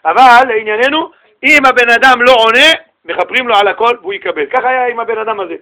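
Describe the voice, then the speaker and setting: A man giving a religious sermon in a casual slangy way, animated and acting out the people in his stories. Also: very high voice. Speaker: religious lecturer. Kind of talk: Torah sermon told in street slang.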